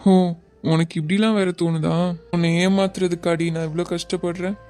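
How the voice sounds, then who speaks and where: Woman voicing a gentle young lover. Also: on the low side, fairly even intonation, a little fast, faint music behind, close to an everyday voice. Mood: tender. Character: gentle young man in love, reassuring and teasing. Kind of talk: animated web series dialogue.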